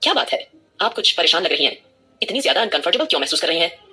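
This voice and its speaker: A woman's voice: lowish voice, very animated, racing, pushed and bright, breathy edge, heavily acted. A woman voicing an obsessed, possessive rich young man who speaks with coaxing politeness in an audio drama.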